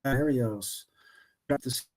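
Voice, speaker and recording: A man in an online meeting whose audio keeps cutting out and breaking into fragments; he speaks haltingly over a video call. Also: medium pitch, faint music behind, poor audio. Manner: halting, many fillers. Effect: choppy, cutting-out internet audio. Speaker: meeting participant presenting an agenda item. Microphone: video call over a weak connection.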